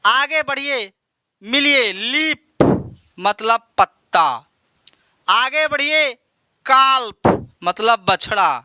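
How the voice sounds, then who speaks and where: A man's voice: very high voice, lively intonation, slow, long pauses, sharp tone, clear, resonant tone, no room sound. A man teaching an English grammar lesson, asking questions and answering them himself and repeating key words. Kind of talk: classroom lesson.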